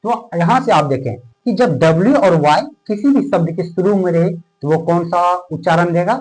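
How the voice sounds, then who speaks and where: A man teaching a classroom lesson in speech who asks questions and answers them himself, repeating key terms and drawing words out slowly as he writes. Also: high-pitched, a little mellow, faint music behind, low-quality recording. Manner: stretches words out slowly while writing.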